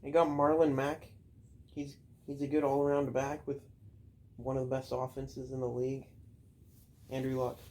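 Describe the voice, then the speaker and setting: A man's voice: mid-range voice, completely flat delivery, normal speed, long pauses, a little mellow. A man casually ranking football players, blunt and teasing with his friends. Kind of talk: casual chat.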